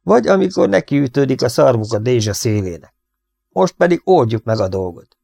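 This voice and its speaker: A man reading the part of a brisk, forceful middle-aged vet boss with a curt, commanding manner, in a storybook reading. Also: mid-range voice, big pitch swings, vocal fry, no room sound, voice pushed up.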